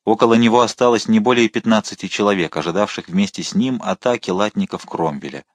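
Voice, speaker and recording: A man narrating a historical adventure audiobook in an expressive, dramatic manner. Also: lowish voice, fast, no echo. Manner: expressive, shifting to voice the characters.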